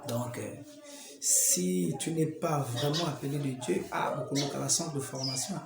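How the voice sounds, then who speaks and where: A man's voice: on the high side, a little slow, gravelly. Male preacher, Congolese French accent, chatty sermon style with chuckles, recorded in a roomy hall with a crowd. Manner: conversational, rhetorical questions, chuckling asides. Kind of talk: informal preaching advice.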